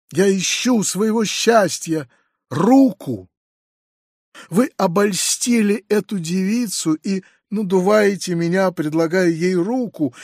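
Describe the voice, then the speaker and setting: A man's voice: sits high, dry recording, studio quality. A man voicing a kind-hearted middle-aged uncle in an audiobook, agitated and pleading, often crying out. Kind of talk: audiobook reading.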